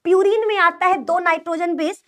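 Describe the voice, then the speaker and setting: High-voiced Hindi biology teacher woman. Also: fairly even intonation, brisk, a bit bright. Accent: UP-Bihar Hindi. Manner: repetitive, call-and-response teaching with mnemonic jokes. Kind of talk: online class lecture.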